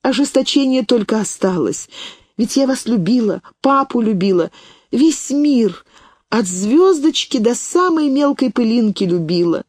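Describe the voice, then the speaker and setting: Woman doing a young heroine in despair, pleading, higher and strained, slow delivery. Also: animated, darkish tone, no echo, studio quality. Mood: desperate pleading.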